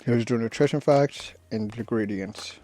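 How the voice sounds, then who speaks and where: Male snack reviewer, mid-pitched, casual and halting, with noise and crinkling bag rustle behind him. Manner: rambling, halting delivery with self-corrections. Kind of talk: casual unscripted food review. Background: crinkling snack bags and clicks.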